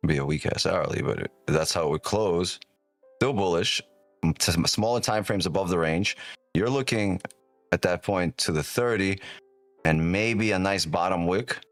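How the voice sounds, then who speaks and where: A man with a deep whiskey voice giving casual live-stream commentary, thinking aloud and often checking in with "right?", on a close microphone. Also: normal speed, no room sound, soft background music. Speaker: live trading streamer, host.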